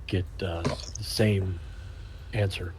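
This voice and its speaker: A man's voice: low-pitched, steady tone, slow pace, background noise. A man playing a tabletop game, chatting casually with joking, self-mocking remarks. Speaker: player.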